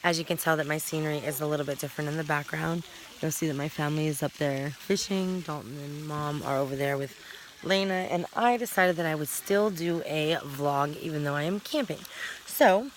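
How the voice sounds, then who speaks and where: A chatty vlogger in her thirties rambles and keeps correcting herself, her low-pitched voice bright and forceful at a fairly quick pace. She recorded outdoors at a campsite, with a faint hiss of outdoor sound behind her. The recording quality is low.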